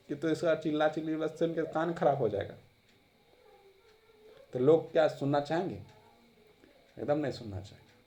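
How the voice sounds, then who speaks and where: A man's voice: on the high side, mellow. A man giving a classroom lecture in a conversational way, repeating phrases for emphasis. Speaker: teacher.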